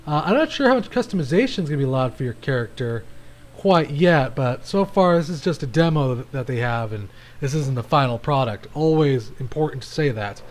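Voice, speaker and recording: A man's voice: medium pitch, animated, a little fast. A man hosting a gaming channel, giving casual, rambling commentary with frequent restarts while he plays.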